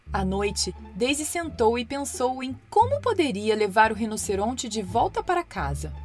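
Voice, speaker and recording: A woman narrating a children's storybook with expressive, lively delivery. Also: mid-range voice.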